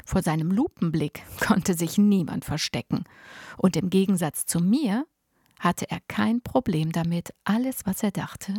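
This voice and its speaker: A woman narrating a novel in the first person with a lively, expressive reading. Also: lowish voice, unhurried, slightly rough, no echo, studio quality. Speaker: audiobook narrator.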